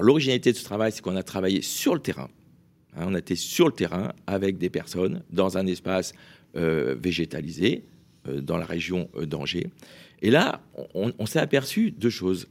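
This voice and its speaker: A man's voice: sits low, expressive, moderate pace, vocal fry. A man explaining research findings in a radio interview, hesitant, with many fillers and restarts. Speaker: researcher guest.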